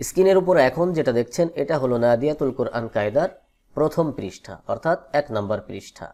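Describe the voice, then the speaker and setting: Mellow-voiced man teaching Quran letters. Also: medium pitch, lively intonation. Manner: slow drawn-out chanting of letter names; patient instructional explanation. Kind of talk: online Quran reading lesson.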